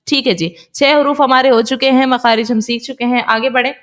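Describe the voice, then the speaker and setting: A woman with a Pakistani Urdu accent, patiently explaining letter sounds in an online recitation lesson and repeating them slowly for practice. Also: a little high, fairly even intonation. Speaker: Quran recitation teacher.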